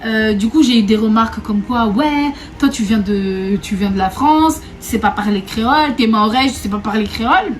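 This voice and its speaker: A woman's voice: on the high side, moderate pace, hardly any pauses, a little hiss or hum. A young woman who grew up in Réunion, chatting casually to her viewers in a storytime vlog. She repeats herself, laughs often and keeps calling her audience "mes go". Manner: chatty and repetitive, often laughing, calls viewers 'mes go'. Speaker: vlogger. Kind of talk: casual storytime chat to camera.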